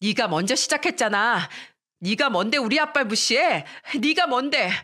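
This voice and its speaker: A woman's voice: a little high, animated, normal speed, sharp tone, voice pushed up. A woman voicing a poor schoolgirl who talks back in a heated, defiant way. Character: poor schoolgirl standing up for her father.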